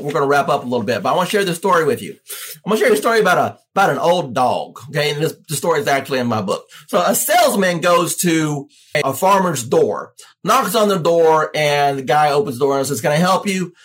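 Male coach, husky and lively, a bit high, pushy straight-to-camera sales pitch. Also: fast. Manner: animated, pushy, direct to viewers. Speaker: real estate coach. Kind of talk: livestream sales coaching talk.

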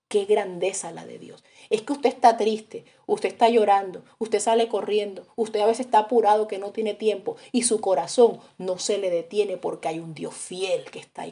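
A woman preaching a sermon dramatically, dropping to hushes and rising to loud cries, and acting out the people in her stories. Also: medium pitch. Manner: acts out quoted voices in storytelling.

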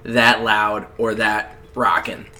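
A man co-hosting a casual sports podcast, excitable and rambling with restarts. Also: on the low side, takes it slowly. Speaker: podcast co-host.

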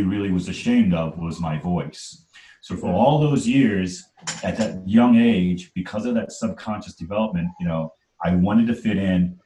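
A Trinidadian man in his forties, his voice low and a little mellow, tells his life story as an interview guest. He speaks earnestly and emphatically, often checking in with "right?". The recording is low quality and reverberant.

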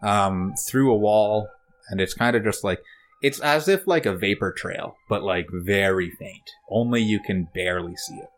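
A man narrating a tabletop game as game master, in a halting way full of fillers and restarts. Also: on the low side, faint music behind.

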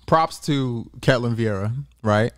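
A man's voice: mid-range voice, slow pace, fairly bright tone, no room sound, studio quality. A man hosting a casual sports podcast, arguing his points with repeated phrases and some swearing. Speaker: podcast host. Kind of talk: casual sports commentary chat.

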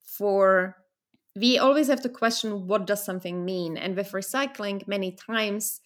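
A woman in her thirties from the Czech Republic is a guest in a casual interview. Her mid-range voice is unhurried, and she tells stories thoughtfully, restarting now and then.

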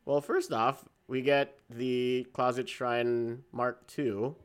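A man's voice: medium pitch, flat delivery, slow, clear, resonant tone. A man co-hosting a podcast in casual chat, rambling, trailing off mid-sentence and laughing often. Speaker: podcast co-host.

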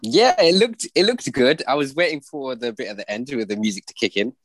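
A man co-hosting a casual podcast, speaking in a measured, hesitant way. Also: mid-range voice, big pitch swings, fairly bright tone, dry recording. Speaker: podcast co-host.

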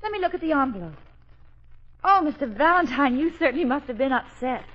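An actress playing an excitable, concerned young American assistant in a 1940s radio comedy-drama. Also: female voice, high-pitched, brisk. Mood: astonished, concerned. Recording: dull old radio recording.

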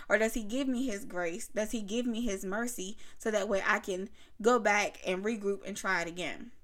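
A woman's voice: mid-range voice, a bit bright. Chatty woman preaching to fellow mothers. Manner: conversational, preachy, asks rhetorical questions; uses casual slang. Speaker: podcast host. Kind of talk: motivational faith talk to mothers.

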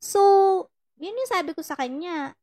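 A woman's voice: very high voice, lively intonation, normal speed, dry recording, studio quality. A young Filipino woman hosting a casual advice talk, teasing and laughing often as she mixes in English. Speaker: podcast host giving love advice.

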